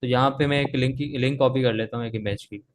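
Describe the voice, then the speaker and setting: A man's voice: medium pitch, steady tone, quick pace, a little hiss or hum. A man teaching coding live over a video call, with a sore throat that makes him cough, often checking in with "theek hai". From Pakistan. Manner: talks while typing, frequent "theek hai" checks. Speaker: coding instructor.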